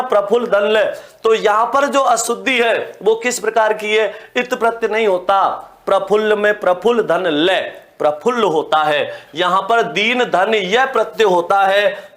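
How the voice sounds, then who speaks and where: A man's voice: high voice, fairly bright tone. A man teaching a grammar lesson, who keeps repeating the key words and asks questions that he then answers himself, speaking straight to his students. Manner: directly addresses students as brothers and sisters.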